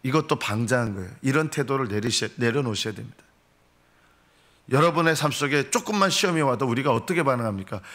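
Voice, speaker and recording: A man preaching a dawn sermon in a church sanctuary, his voice at an ordinary middle pitch. He climbs high and loud when he acts out complaining prayers, then sinks low and soft for solemn points. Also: lively intonation, quick pace. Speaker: pastor.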